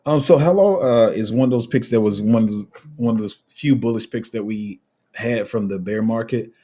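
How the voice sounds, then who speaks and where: Here a low, slightly husky male voice hosts a laid-back crypto livestream at normal speed. He voices viewer comments and replies to them rambling, peppered with ums and restarts, always relaxed and conversational.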